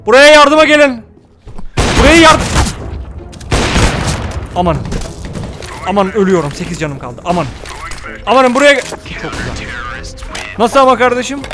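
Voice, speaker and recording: A young man giving jokey, excitable commentary on his own gameplay, often shouting at other players during fights. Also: high voice. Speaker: gaming YouTuber. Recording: game audio with music and gunfire behind. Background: music and gunfire.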